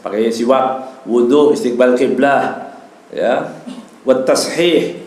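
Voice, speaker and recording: Echoey Indonesian mosque preacher, conversational. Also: male voice, mid-range voice, slow, darkish tone. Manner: explains Arabic terms in casual Indonesian, frequent tag "ya". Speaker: Islamic preacher. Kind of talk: mosque study talk. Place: mosque hall. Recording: echoey room with faint ambience.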